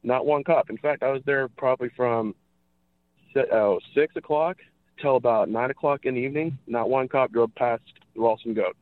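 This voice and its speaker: A man's voice: mid-range voice, moderate pace, dry recording. A man from California calling in to a radio show, speaking earnestly over the phone and repeating himself for emphasis. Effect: phone line caller. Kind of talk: earnest call-in opinion. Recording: tinny dry phone line.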